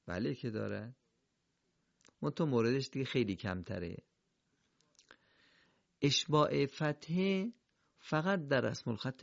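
A male recitation teacher giving a methodical recorded lesson, with a gravelly, creaky edge to his voice. He slows down to model each word carefully. The recording is dry and dull, lo-fi. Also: medium pitch, no echo. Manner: methodical, models pronunciations slowly.

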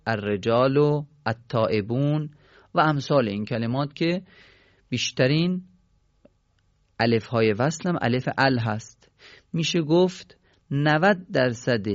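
A man of middle pitch teaching a recitation lesson patiently, putting a question and then answering it himself. The recording is dry and a little dull, with no room sound. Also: no room sound. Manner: patient, asks and answers his own questions. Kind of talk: explanatory lesson.

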